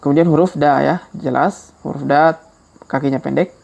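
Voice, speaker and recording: Low-voiced woman teaching slow, careful reading. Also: fairly even intonation, vocal fry, a little mellow, highs cut off. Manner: slow, repetitive, ends phrases with a checking "ya"; syllables drawn out and repeated for learners. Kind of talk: patient step-by-step reading lesson.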